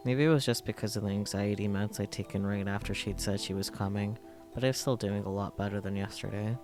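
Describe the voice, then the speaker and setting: A man's voice: on the low side, steady tone, fast, darkish tone. A man reading a visual novel script aloud as narration, with his own asides, over game music. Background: game music and Japanese voice acting.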